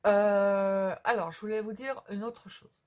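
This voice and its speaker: In a measured, fairly even mid-range voice, a middle-aged craft video host makes casual, unscripted vlog chat. She sounds hesitant, rambles, and repeats herself.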